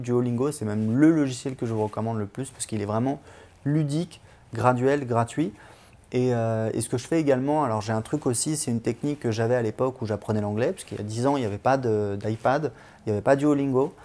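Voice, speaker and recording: Chatty man with a mellow voice. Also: medium pitch, fast. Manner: chatty, hesitant, many fillers and restarts. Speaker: language-learning vlogger. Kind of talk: casual advice vlog.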